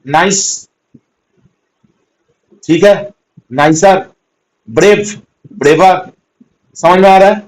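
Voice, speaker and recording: Male tutor, fairly high-pitched, steady classroom explaining, checks understanding often. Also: very slow, pauses often, low-quality recording. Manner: patient, repetitive, spells out words letter by letter. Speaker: teacher. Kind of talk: grammar lesson.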